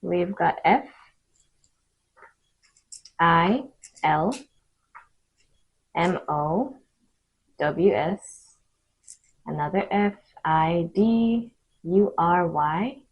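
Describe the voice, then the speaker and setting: A woman giving an improvised mystical tarot reading straight to the viewer, speaking in short, halting phrases with pauses between them. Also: on the low side, lively intonation, husky, muffled recording. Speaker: tarot card reader hosting readings.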